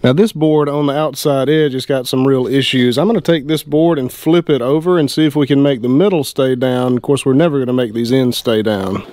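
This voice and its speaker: A man, explaining his work in a relaxed, plainspoken way. He talks in an open-sided shed outdoors, recorded on a close action camera. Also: mid-range voice, brisk, few pauses, background noise. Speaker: homesteading vlogger. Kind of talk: casual how-to narration.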